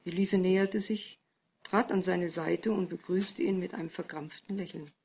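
Woman reading a novel, calm even storytelling voice. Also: lowish voice, moderate pace, vocal fry, slight background noise. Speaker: audiobook narrator. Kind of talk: scripted narration.

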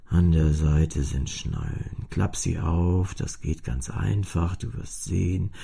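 A man voicing a gentle talking cello in a storybook, low, slow and breathy, often murmuring. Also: steady tone, full character voice. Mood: coaxing. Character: gentle talking cello, old and soft-spoken.

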